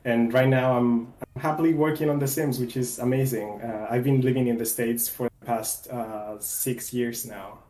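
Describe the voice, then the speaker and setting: A man from Mexico, a game developer who talks enthusiastically and deliberately on a casual livestream. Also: mid-range voice, fairly even intonation, warm tone, a little hiss or hum. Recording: roomy echo.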